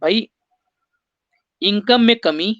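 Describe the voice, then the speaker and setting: A man's voice: sits high, takes it slowly, a bit bright, no echo, lo-fi sound. A man teaching an exam-prep maths lesson, explaining step by step and putting rhetorical questions to his students.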